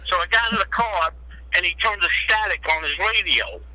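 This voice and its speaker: A man's voice: sits high, moderate pace, a loud crowd, low-quality recording. A man telling blunt, streetwise stories as a guest in an interview, swearing freely. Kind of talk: storytelling in an interview.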